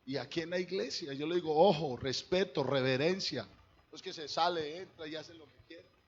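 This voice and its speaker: A man's voice: fairly high pitch, moderate pace, highs cut off. A man, a pastor preaching a sermon to his congregation in a conversational way, talking straight to them. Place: church.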